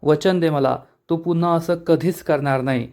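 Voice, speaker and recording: A man's voice: a little high, steady tone, moderate pace, a little mellow, clean tone, natural voice. A man reading a fierce village matriarch. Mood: commanding. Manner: commanding, emotional.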